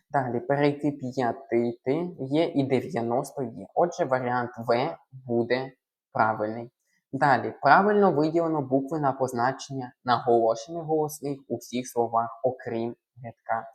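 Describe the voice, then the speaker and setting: A man with a mid-range voice works through exam questions like a patient tutor. He explains each answer methodically and spells out single letters along the way. He sometimes trips over a word and restarts. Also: mid-range voice. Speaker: language tutor.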